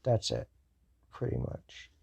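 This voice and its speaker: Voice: takes it slowly, a little mellow, muffled recording. A fan storyteller improvising a what-if story, rambling with many fillers and self-corrections.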